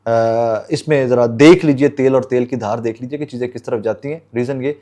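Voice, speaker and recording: An earnest man from Pakistan talks straight to his viewers with a Pakistani Urdu accent. His voice sits at an ordinary mid pitch for a man, and he often drops English phrases into his Urdu as he comments. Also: fairly even intonation, brisk, warm tone. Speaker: political commentator. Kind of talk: casual commentary to camera.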